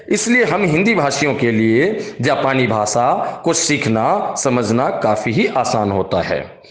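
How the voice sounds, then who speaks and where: A man, teaching a beginner Japanese grammar lesson and explaining slowly, with repeated words and spelled-out English examples. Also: fairly high pitch, reverberant. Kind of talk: classroom-style grammar lesson.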